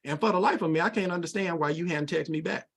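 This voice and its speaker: A middle-aged man runs a group sales training over a video call, his voice sitting a little high for a man. He talks in an animated, folksy way, racing along with colloquial asides, and the audio comes through as a video-call mic. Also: fast talker, gravelly.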